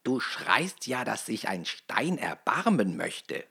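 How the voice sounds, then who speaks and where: A woman voicing a male frog in a well in a fairy tale, speaking slowly and coaxingly as he bargains. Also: sing-song, pushed and bright, heavily acted. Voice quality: deep and gravelly.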